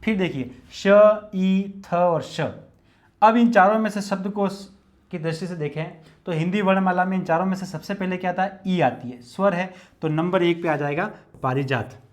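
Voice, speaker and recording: Methodical male Hindi lecturer, higher voice. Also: a little fast. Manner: methodical, repeats each step and checks with the class. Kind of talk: exam-prep lesson, explaining step by step while writing.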